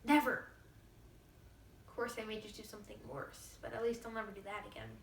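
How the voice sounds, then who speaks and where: A woman's voice: medium pitch, animated, brisk, echoey room, far from the mic, slight background noise, natural voice. Woman playing a pleading, troubled teen girl. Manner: pleading, soft, earnest. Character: troubled teenage girl confessing to her father.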